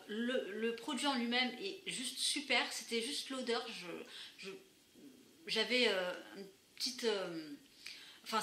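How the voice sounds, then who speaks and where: A woman's voice: fairly high pitch, bright, forceful tone, slight background noise. A woman vlogger casually reviewing her product haul, hesitating with many fillers but enthusiastic. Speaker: beauty vlogger. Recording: echoey room.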